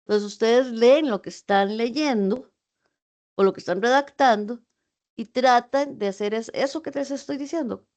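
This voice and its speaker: Spanish-speaking woman teaching online, animated. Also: on the high side, normal speed. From Costa Rica. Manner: explanatory, asks students rhetorical questions. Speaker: university tutor. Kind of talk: online class lecture. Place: video call. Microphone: video call.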